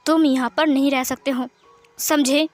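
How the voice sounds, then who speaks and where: A woman's voice: high-pitched, steady tone, moderate pace, soft background music, close to an everyday voice. A woman voicing a cold, short-tempered young mafia boss who speaks in curt commands. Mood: angry.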